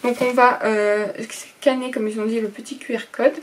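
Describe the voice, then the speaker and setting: A woman's voice: fairly high pitch, steady tone, moderate pace, far from the mic, slight background noise. A young woman chatting casually through an unboxing, reading product blurbs aloud with lots of fillers and enthusiastic asides. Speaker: unboxing vlogger.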